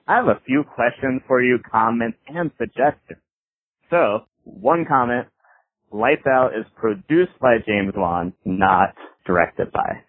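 A man's voice: lowish voice, slight background noise. Give me a man on a worn, tinny voicemail recording. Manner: runs through a list of points, loose and unrehearsed. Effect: lo-fi voicemail recording, like a worn tape. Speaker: caller. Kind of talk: casual voicemail message. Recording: tinny, dry phone-line voicemail.

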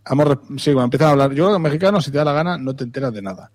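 A man's voice: mid-range voice, rapid-fire, a little mellow. A man with a Spanish accent, co-hosting a podcast in casual, teasing chat about how people speak. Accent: Spanish (Spain). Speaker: podcast co-host.

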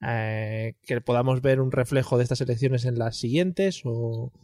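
A man's voice: mid-range voice, moderate pace, a little mellow, no echo, studio quality. A man with a Castilian Spanish accent co-hosting a podcast in casual, slangy, joking banter. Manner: jokey, slangy. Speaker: podcast co-host.

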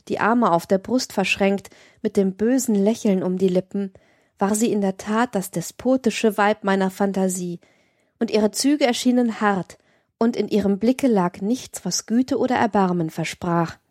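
A woman reads a literary audiobook, measured and expressive. Her voice sits at a middle pitch. The recording is dry and close. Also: dry recording. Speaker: audiobook narrator.

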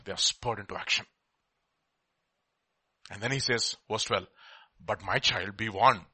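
Forceful Indian preacher, sharp bright voice. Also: male voice, a little high, no room sound. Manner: emphatic, repeats phrases and poses questions to listeners. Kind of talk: sermon with scripture reading.

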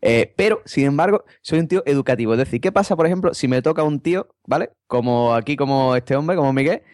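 A man's voice: fairly high pitch, expressive, fast talker, a little mellow, no room sound, clean studio sound. A man, co-hosting a podcast in casual chat, jokey and teasing. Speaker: podcast co-host.

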